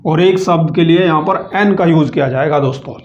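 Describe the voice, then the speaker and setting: High-voiced man teaching grammar, echoey. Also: darkish tone. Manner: patient, repeats slowly, calls viewers friends. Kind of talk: grammar lesson. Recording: echoey room, dull lo-fi sound.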